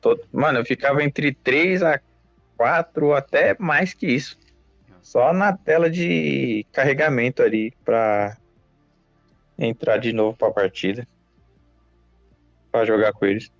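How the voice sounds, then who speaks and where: A man's voice: mid-range voice, takes it slowly, creaky, long pauses, no room sound. A Brazilian man streaming a mobile game, chatting casually in slang with frequent restarts. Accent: Brazilian Portuguese. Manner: relaxed slangy talk with many restarts. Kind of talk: casual gaming chat. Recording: dull lo-fi mic with game music.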